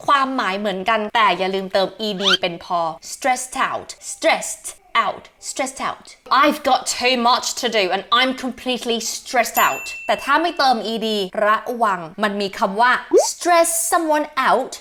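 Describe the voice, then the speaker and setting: A woman's voice: on the high side, fairly bright tone. A young woman hosting an upbeat English lesson, acting out stressed example lines along the way. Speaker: English teacher and host. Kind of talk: bright scripted English lesson. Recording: music bed under the voice.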